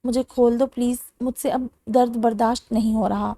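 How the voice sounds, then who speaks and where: A woman's voice: fairly high pitch, fairly even intonation, warm tone, no room sound, clean studio sound. A woman reading as a defiant captive young woman. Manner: defiant, bitter.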